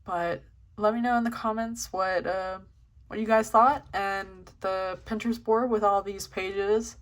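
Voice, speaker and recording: A woman's voice: mid-range voice, fairly even intonation, unhurried. A young woman hosting her first vlog, flipping through a journal in a casual, hesitant way with lots of ums. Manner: hesitant, many ums, self-deprecating. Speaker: channel host.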